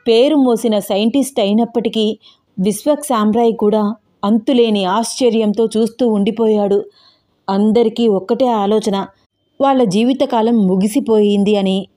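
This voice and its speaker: A woman narrating a dramatic audio story in a steady storytelling voice. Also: on the high side.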